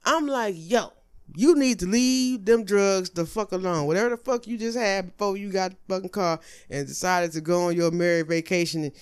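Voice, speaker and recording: A man hosting his own show, delivering a profane comedic rant with exasperated, high-pitched outbursts. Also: moderate pace, clear, resonant tone. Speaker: host.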